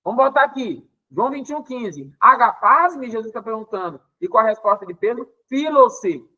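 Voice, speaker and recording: A man's voice: high-pitched, animated, fast talker, bright, forceful tone, rough recording. A man with an accent from Pará teaching a Bible lesson, explaining Greek words and acting out dialogue with playful exasperation. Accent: Paraense Brazilian Portuguese. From Pará, Brazil. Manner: explanatory, with frequent "tá?" check-ins.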